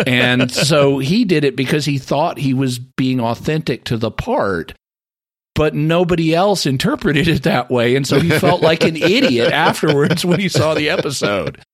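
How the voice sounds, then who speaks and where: A man co-hosting a podcast, explaining a point at length in casual discussion and growing animated as he argues it. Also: a little high, normal speed, dry recording, studio quality. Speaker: podcast co-host.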